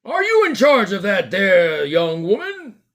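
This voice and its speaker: A man doing a pompous, slow-talking policeman. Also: high voice, wildly swooping pitch, a bit bright, voice pushed up, full character voice. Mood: stern. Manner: stern, drawn-out and pompous. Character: self-important, slow-talking male police constable.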